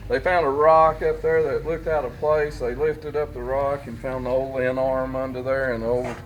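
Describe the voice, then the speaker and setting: Inside a working distillery, the owner gives an informal, folksy guided tour, explaining things hesitantly in a mid-range voice with a level tone at normal speed. The lo-fi recording carries loud machinery and room noise behind him.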